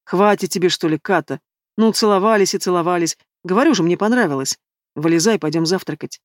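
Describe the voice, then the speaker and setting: A man's voice: sits high, a little fast, no echo, natural voice. A woman voicing a young man in an audiobook, a teasing and easygoing best friend, recorded dry and close. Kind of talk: audiobook character dialogue.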